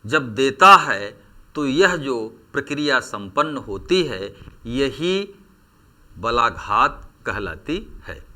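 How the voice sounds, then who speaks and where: A man giving a grammar lesson, speaking very slowly and deliberately. His voice is bright and forceful, sitting a little high for a man. His pitch moves a great deal as he works through examples. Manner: slow, deliberate explanation with spoken examples. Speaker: Hindi teacher. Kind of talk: classroom lecture on grammar.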